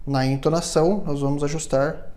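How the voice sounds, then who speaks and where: A man's voice: on the high side, steady tone, normal speed, dark tone. Man patiently teaching guitar setup. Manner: patient, step-by-step, frequent check-in tags. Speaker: luthier instructor. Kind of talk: hands-on tutorial demonstration.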